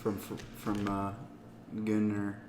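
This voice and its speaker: A man's voice: lowish voice, monotone, slow, a little mellow. A young man in his twenties co-hosting a podcast, rambling and joking in casual chat with a hesitant manner. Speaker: podcast co-host. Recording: echoey room with faint noise.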